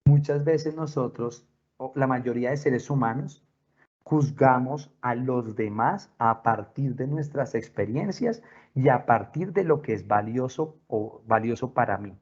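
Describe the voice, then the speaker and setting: A man's voice: medium pitch, a little slow, a little mellow, highs cut off. A man giving a talk to parents from home, telling stories from his own life and asking questions in an earnest way. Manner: earnest, storytelling, asks questions. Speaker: parent workshop speaker. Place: at home, with pets nearby.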